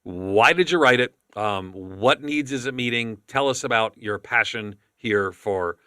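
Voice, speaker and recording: A man hosting a podcast in casual chat, talking quickly and rambling with many restarts. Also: medium pitch, sharp tone, clean tone, dry recording, clean studio sound. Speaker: podcast host.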